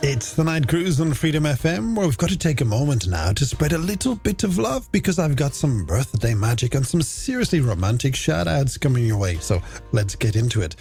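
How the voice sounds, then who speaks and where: A playful, theatrical and polished Irish radio DJ presents a late-night music show, including games and shout-outs. His mid-range voice is sing-song and darkish, moving fairly quickly. A music bed sits beneath him.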